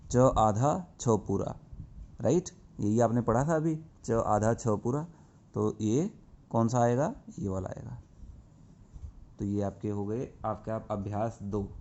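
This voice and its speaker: A male teacher talks through a grammar lesson, posing a question and then answering it himself. His voice sits low and mellow. The recording sounds dull and lo-fi. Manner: slow and explanatory, asks questions and answers them himself. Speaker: school teacher. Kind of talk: classroom lesson.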